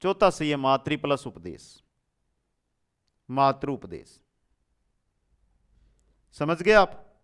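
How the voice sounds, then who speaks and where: Slow, clear-voiced male Hindi teacher. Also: a little high, big pitch swings, fairly bright tone. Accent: Rajasthani Hindi. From India. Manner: addresses students as brother and dear, asks and answers his own questions. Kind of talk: exam coaching lesson.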